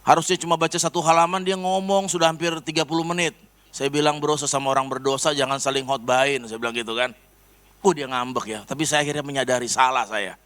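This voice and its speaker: A man with a fairly high, fast, slightly bright voice preaches a sermon testimony. He tells his personal story animatedly to the congregation, addressing them as "saudara" in a storytelling manner.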